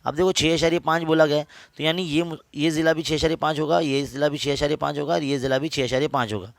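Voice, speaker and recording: A man's voice: fairly high pitch, steady tone, fast talker, gravelly, no room sound. A man with an Urdu accent, a maths teacher patiently explaining geometry step by step to students, repeating each point.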